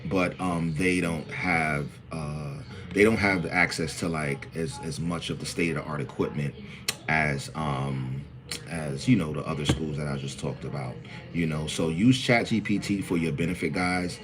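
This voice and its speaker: A man's voice: rumbling low, steady tone, moderate pace, a crowd in the background. A man in his forties from New hosting a livestream, talking loosely and greeting viewers by name. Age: 40s. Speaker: livestream host. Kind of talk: casual livestream talk.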